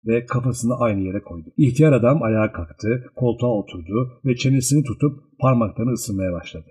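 A man reads a literary audiobook aloud in a husky, mellow voice. His pitch moves up and down in a lively way, and the storytelling stays measured and expressive throughout. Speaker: audiobook narrator. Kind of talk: scripted literary narration.

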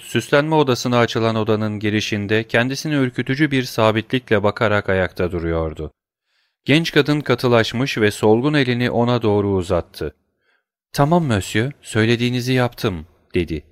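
Male audiobook narrator, lowish voice, dry close sound, steady measured delivery. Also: no echo. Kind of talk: dramatic novel reading.

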